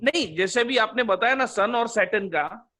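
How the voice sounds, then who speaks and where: A man's voice: sits high, lively intonation, normal speed, pushed and bright. A man taking part in an online class, adding a point hesitantly and restarting words. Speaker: class participant.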